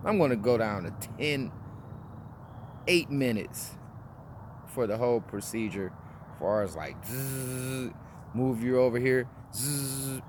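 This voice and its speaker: A man's voice: mid-range voice, background noise. A man in his forties casually reviewing his own experience in a vlog, rambling with frequent restarts and fillers. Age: 40s. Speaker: vlogger.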